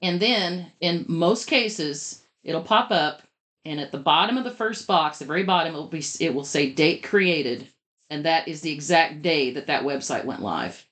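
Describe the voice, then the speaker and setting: Fast-explaining woman, lowish voice. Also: animated, fairly bright tone. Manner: brisk, explains step by step, talks fast. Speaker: guest expert on publishing scams. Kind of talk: conversational podcast interview.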